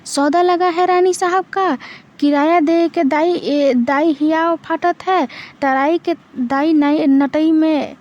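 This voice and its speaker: A woman's voice: high-pitched, a little slow, darkish tone, lo-fi sound. A woman voicing a quarrelsome old neighbor woman, scolding in a rustic dialect. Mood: mocking.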